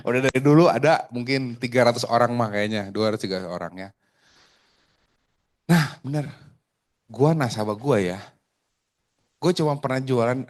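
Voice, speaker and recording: Man, sales trainer, chatty, joking, quizzes his audience. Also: mid-range voice. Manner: joking, chatty, asks the room questions. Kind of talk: casual training talk to a group.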